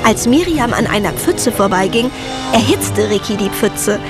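A woman's voice: mid-range voice, animated, a little slow. An actress voicing a teenage girl who narrates her own story in a wry manner. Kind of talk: dubbed series narration. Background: music.

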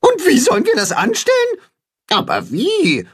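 A man voicing a small, excitable young farm animal in a storybook reading, pleading in a squeaky voice. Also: moderate pace, exaggerated voice.

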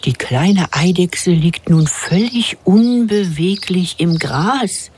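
A woman playing a calm, kindly storyteller who watches animals in a children's audio drama. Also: lowish voice, takes it slowly, background noise. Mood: calm, observing.

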